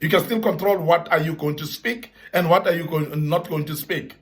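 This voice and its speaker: Man, high voice, earnest motivational speaker who leans on repetition and scripture. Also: moderate pace, a bit bright. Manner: earnest, repetitive emphasis, Bible references. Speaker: speaker giving advice to young men. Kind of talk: motivational talk.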